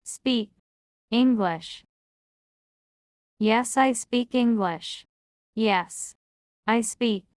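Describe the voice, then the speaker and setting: A woman leads a beginner English drill at a very slow pace. She repeats every word on its own with long gaps between them. Her voice is smooth and clear and sits dry and close to the mic. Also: mid-range voice, no room sound. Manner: reads each word separately with long pauses. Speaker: language teacher.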